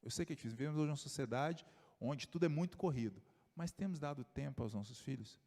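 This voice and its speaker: A man preaching a sermon as pastor, telling stories and dropping his voice low and soft for the people he quotes. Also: quick pace. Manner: storytelling, voice drops low and soft for quoted figures. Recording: long church reverb.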